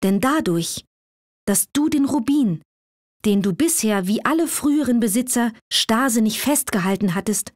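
Woman reader doing a sweet, soft-spoken young princess; dry close mic. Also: on the high side, lively intonation, normal speed, no room sound. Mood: consoling.

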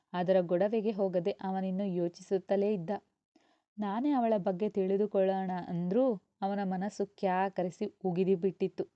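A woman narrating a serialized story as a storyteller, with a steady, expressive reading on a close mic. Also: mid-range voice, no room sound. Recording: dull, dry lo-fi recording.

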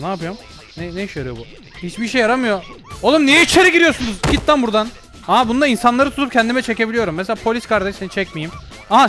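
A young man playing a VR game on his channel, talking to the characters in loud, excitable commentary, often shouting and swearing at them. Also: sits high. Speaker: gaming YouTuber. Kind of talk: excited let's-play commentary.

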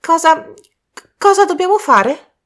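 A young prankster, as a woman narrator voices him, who keeps choking back laughter. His lines come out strained and whispery. The voice stays close to her own reading pitch. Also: moderate pace, lightly acted.

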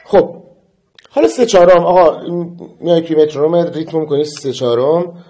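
A man teaching metronome practice in a casual lesson, counting beats aloud and humming a melody slowly. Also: on the high side, dark tone. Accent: Persian. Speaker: music teacher.

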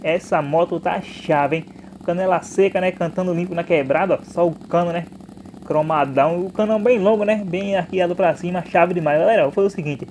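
A young man with a Brazilian accent talks fast and excitedly in a high voice, stacking slang and tag words as he hosts his own motorcycle vlog. A faint hiss and vehicle noise sit behind him. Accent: Brazilian Portuguese. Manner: hyped, slangy, repeats tag words like "né" and "hein". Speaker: motovlog host.

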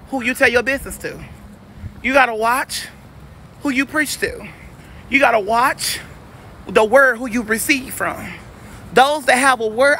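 A man preaching in a loud, emphatic, repetitive live-stream monologue while out walking for exercise on a neighborhood street. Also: very high voice. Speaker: self-styled preacher going live. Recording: street noise with passing traffic.

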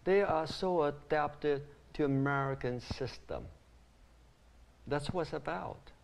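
A middle-aged Taiwanese man who founded a community answers interview questions earnestly in an ornate living room. His voice is fairly high, slow, and marked by vocal fry. He is animated and gestures with his hands as he explains.

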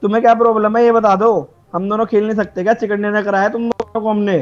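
A man's voice: sits high, level tone, quick pace, a little mellow, lo-fi sound. A man streaming live, teasing and arguing with other players over game voice chat. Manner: teasing, argumentative.

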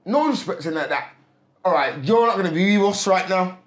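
A man's voice: sits high, expressive, fairly quick. A man telling stories in a casual, slangy way as a podcast guest, often repeating himself. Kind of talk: casual storytelling chat. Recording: roomy echo.

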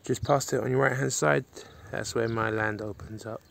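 A gravelly-voiced vlogger gives a chatty walking tour of a property, starting outdoors on rural land and moving inside a farmhouse, recorded on a phone camera at arm's length. His voice is medium in pitch and fairly bright, with fairly even intonation and normal speed, over slight background noise.

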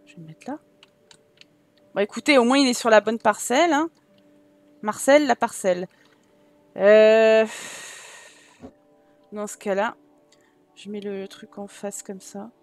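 A woman's voice: mid-range voice, steady tone, a little slow, long pauses, dry recording, faint music behind. A woman with a southern French accent giving casual let's-play commentary, chatting to her viewers and thinking aloud as she decorates. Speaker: gaming YouTuber.

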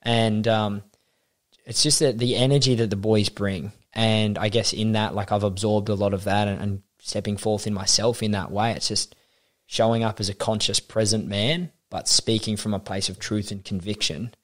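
Australian man telling lively stories. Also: lowish voice, normal speed. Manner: animated storyteller acting out quotes. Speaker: podcast guest, identity coach. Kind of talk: casual interview chat.

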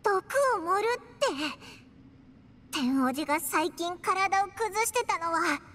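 A woman voicing a small childlike game companion, brash, boastful and excitable, with a squeaky voice and eager, boyish phrasing. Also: a little slow, a little hiss or hum, full character voice. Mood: shocked, indignant. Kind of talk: anime game voice acting.

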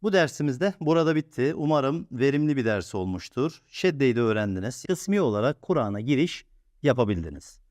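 A patient male teacher leads a step-by-step reading lesson, sounding out each syllable and repeating it slowly. His voice sits at an ordinary middle pitch. The recording is dry and close, with no room sound. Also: very animated, a little mellow, no echo.

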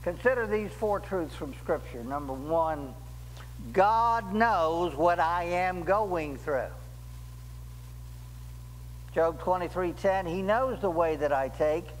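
An older male pastor delivers a sermon at a slow, measured pace, his fairly high voice lifting sharply on the words he stresses. He speaks from a pulpit in a church sanctuary. The sound carries a long hall reverb and a faint background hum. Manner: slow, deliberate preaching with emphatic rises on key words.

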